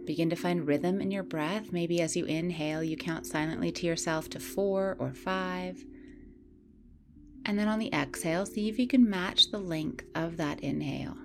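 A woman with a low-set voice leads a yoga class through breath and movement. She speaks in a calm, soothing, gently coaching manner. Instrumental music plays clearly beneath her words. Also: moderate pace. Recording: clear music playing behind the voice. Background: soft instrumental music.

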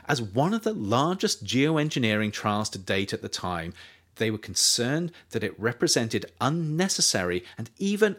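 This is an author reading his own nonfiction book for an audiobook. He has a low voice but animated intonation, with pitch swinging up and down for lively emphasis, while keeping a steady, measured delivery.

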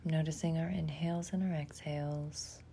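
A woman with a low-sitting, soft, breathy voice leads a guided imagery meditation, keeping her intonation fairly even. Short, gentle, soothing phrases are spaced out by long pauses. There's slight background noise.

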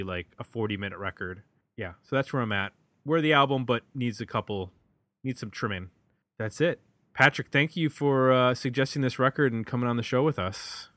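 A podcast host with a lowish, slightly bright voice talks informally about records and speaks to his listeners in a casual album discussion that ends with a show sign-off. The recording has no room sound, and his manner is conversational.

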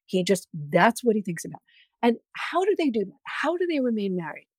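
Casting: woman journalist guest, animated storyteller who restarts sentences, dry close mic. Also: mid-range voice, fairly quick, dry recording. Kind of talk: conversational interview.

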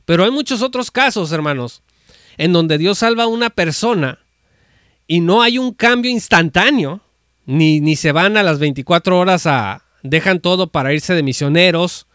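A high-pitched man teaching the Bible in a relaxed, conversational preaching style, pausing on fillers and restarting his words. His voice is clear and smooth, recorded close and dry with no room echo. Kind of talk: informal teaching talk on an audio space.

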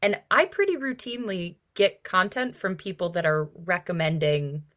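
A woman co-hosts a laid-back book podcast, her voice lowish and fairly bright, moving at a moderate pace. She speaks emphatically and informally, peppering her talk with "like" and mild profanity.

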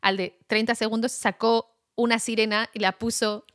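A woman's voice: on the high side, little pitch movement, normal speed, a bit bright, no room sound, clean studio sound. A young woman, an interview guest, telling a casual anecdote and laughing often as she goes.

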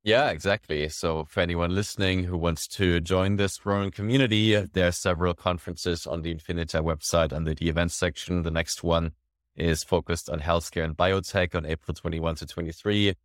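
A podcast host interviews a guest in a low-pitched voice, speaking a little fast with fairly even intonation. He's enthusiastic and often ends his sentences with "right?" The studio sound is clean, with no room sound.

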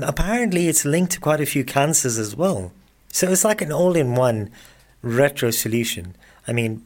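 Chatty self-mocking man in his forties. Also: mid-range voice. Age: 40s. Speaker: podcast host. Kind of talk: casual personal monologue.

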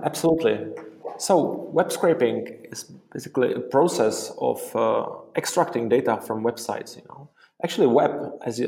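A man from the Czech Republic speaks with a Czech accent, explaining technical ideas at a steady, mid-range pitch. He leans on "you know" and "uh" as he talks. The recording sounds roomy, with a noticeable echo around him. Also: gravelly. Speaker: guest, software company co-founder. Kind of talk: interview answers.

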